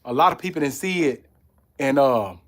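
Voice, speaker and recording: A man's voice: mid-range voice, animated, moderate pace, fairly bright tone. A man from Haiti hosting a live podcast, talking loosely and rambling with plenty of "you know what I'm saying.". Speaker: podcast host. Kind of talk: casual live-stream talk.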